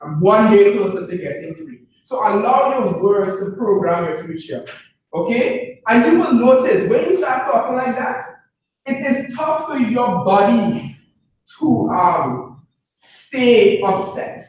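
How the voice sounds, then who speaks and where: A man's voice: very high voice, expressive, takes it slowly. A man giving a motivational talk to a live group at an information session. He often checks in with the room by asking 'right?' and repeats phrases for emphasis. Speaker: presenter at a business information session. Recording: very echoey room, far from the mic, faint noise.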